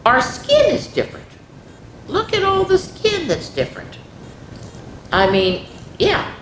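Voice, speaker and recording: This story-time host speaks in an extremely high, wildly swooping voice at a slow pace, reading dramatically to young listeners and chatting with them amid plenty of exclamations. A roomy echo and faint background noise fill the recording.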